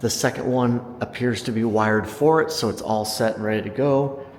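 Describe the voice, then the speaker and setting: A man's voice: mid-range voice, moderate pace, slight background noise. An American man working as a real estate agent, giving a casual, enthusiastic walk-through home tour and talking up the features to viewers. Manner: enthusiastic sales talk, emphasising features. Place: inside a house, walking room to room.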